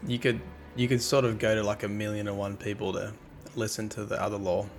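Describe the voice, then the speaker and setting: A man's voice: fairly low pitch, level tone, brisk, music in the background. A man streaming live who reads game lore aloud casually, chatting with his audience and tripping over hard words.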